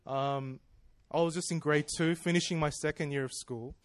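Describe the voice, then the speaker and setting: Speaking at a normal speed with a steady tone and a slightly high voice, a man in his 30s from Australia gives a personal storytelling sermon. His style is chatty and self-mocking, and he often laughs. No echo is audible.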